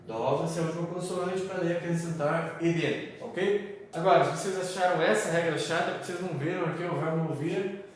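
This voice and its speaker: A man who teaches English delivers a chatty lesson from slides in a Brazilian Portuguese accent, checking in with students and repeating "galera" and "tá?". His voice is a little high and moderately paced. He sounds off-mic and distant in an echoey room with faint background noise.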